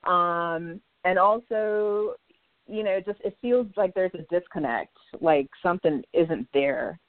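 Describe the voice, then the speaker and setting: A woman calling in over the phone, soft-spoken and hesitant, choosing her words carefully. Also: lowish voice, slow, no echo. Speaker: caller. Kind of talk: call-in question. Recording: dry, tinny phone line.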